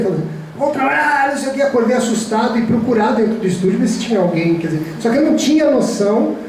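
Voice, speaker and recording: A man's voice: sits high, mellow, slight background noise. A man giving a reflective spiritist talk, telling a personal story with many restarts. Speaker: lecturer. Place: lecture hall. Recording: very echoey hall from far off.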